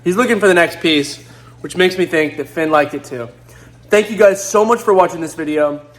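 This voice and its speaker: A man's voice: on the high side, fairly quick. A young man hosting a casual cooking vlog in a home kitchen, upbeat and enthusiastic. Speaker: host.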